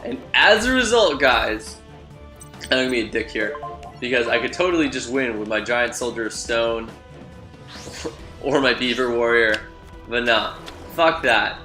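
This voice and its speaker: A young man hosting a game playthrough, commenting in an excitable way with swearing and laughs. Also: medium pitch, reverberant. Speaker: let's play host. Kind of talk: gameplay commentary.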